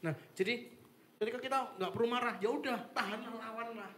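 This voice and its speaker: A young man gives a casual devotional talk. He tells stories in a chatty, animated way, full of fillers. A faint room hum sits under his voice. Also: very high voice, fairly quick. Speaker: devotional speaker. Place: apartment meeting room with live and online audience.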